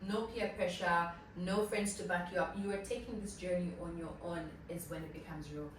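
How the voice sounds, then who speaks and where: A woman from Zambia in her late twenties, a guest entrepreneur telling her story in a casual interview with animated, direct asides to listeners. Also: fairly low pitch, brisk. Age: late 20s. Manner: animated storytelling, addresses listeners as girl and guys. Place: office. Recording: very echoey room, mic at a distance, faint noise.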